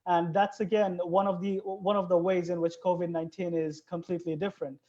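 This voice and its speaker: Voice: medium pitch, little pitch movement, fairly quick, warm tone. A biologist from Bangladesh, a guest in an interview, explaining things in an earnest way. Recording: dull lo-fi recording.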